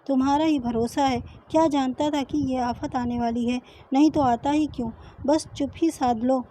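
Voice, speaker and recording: Woman voicing a scared timid husband, anxious pleading, high mellow voice, storybook reading. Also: fairly even intonation, slight background noise, lightly acted, poor audio. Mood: fearful. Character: frightened timid village husband.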